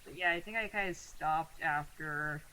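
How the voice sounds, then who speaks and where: A man's voice: on the high side, normal speed, pushed and bright, a little hiss or hum, poor audio. A man co-hosting a casual webcast chat over a video call, hesitant and full of filler words. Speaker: co-host.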